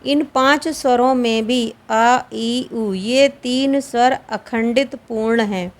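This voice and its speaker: A woman with a Hindi accent, reading and explaining a Sanskrit grammar lesson slowly and deliberately, drawing out each sound. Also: fairly high pitch. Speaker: Sanskrit teacher.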